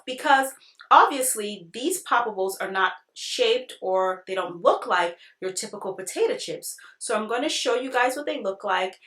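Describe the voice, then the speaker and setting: A woman's voice: on the high side, a bit bright. A woman giving a casual product review, chatting directly to her viewers in an informal way. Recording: echoey, roomy sound.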